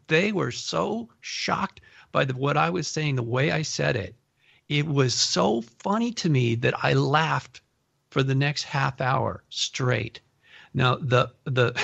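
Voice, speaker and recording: A man hosting an interview, telling animated personal stories and laughing often as he talks. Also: mid-range voice, gravelly, no echo, highs cut off. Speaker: podcast host. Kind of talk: casual interview storytelling.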